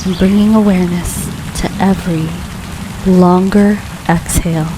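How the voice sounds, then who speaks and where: A woman leading a guided grounding meditation in a calm, soothing, unhurried way, leaving long pauses between phrases. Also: lowish voice. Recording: steady rain noise behind voice. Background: rain falling.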